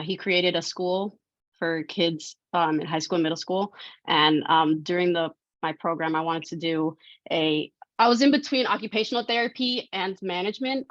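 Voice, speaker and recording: A woman's voice: lowish voice, a bit bright, dry recording. Young woman speaking on dull, dry call audio. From United States. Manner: friendly, loose, with frequent ums. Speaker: alumna guest speaker. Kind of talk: introducing herself on a video call.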